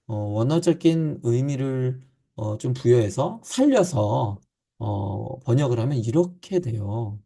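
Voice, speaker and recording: Lively, gravelly-voiced male pastor. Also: mid-range voice. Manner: lively, asks questions and answers them, frequent "uh" fillers. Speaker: pastor teaching district leaders. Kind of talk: Bible teaching talk.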